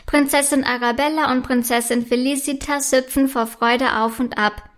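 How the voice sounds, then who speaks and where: A woman reads a bedtime story for children. Her narration is gentle, even and scripted. Her voice sits high. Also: moderate pace.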